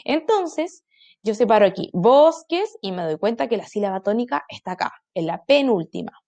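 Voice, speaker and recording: A woman's voice: mid-range voice, big pitch swings, warm tone. A woman teaching a primary school class. She drills one pattern again and again and stretches out every syllable of her example words. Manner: slow, exaggerated stress on example words; repetitive call-and-answer drilling. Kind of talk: recorded online class.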